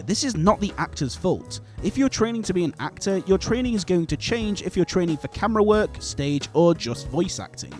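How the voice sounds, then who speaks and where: A man reading a scripted video essay as its narrator. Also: sits high.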